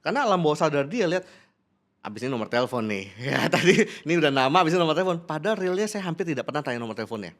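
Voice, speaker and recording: Animated man coaching on a podcast. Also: a little high, racing, few pauses. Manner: explanatory, laughs often, acts out interview exchanges. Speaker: business coach. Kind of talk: podcast conversation.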